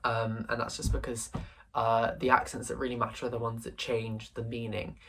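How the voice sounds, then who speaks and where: A man's voice: mid-range voice, completely flat delivery, moderate pace, background noise. Hesitant young man tutoring. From England. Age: late teens. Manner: thinking aloud, hesitant with many fillers. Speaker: language tutor. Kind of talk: screen-recorded exam walkthrough.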